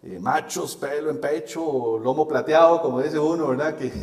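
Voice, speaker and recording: Folksy Costa Rican preacher in echoey hall. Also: male voice, on the high side, unhurried, a little mellow. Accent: Costa Rican Spanish. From Costa Rica. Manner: folksy storyteller, laughs at himself. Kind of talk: sermon with personal testimony. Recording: echoey hall with long reverb.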